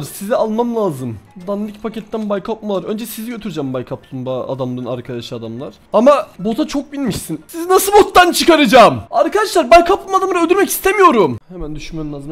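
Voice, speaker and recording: Very high voiced guy rattling off quick goofy game commentary, all mock drama, faint music behind. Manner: theatrical, talks to viewers and in-game animals in a mock-dramatic tone. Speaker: gaming YouTuber. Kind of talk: playful Minecraft let's-play commentary.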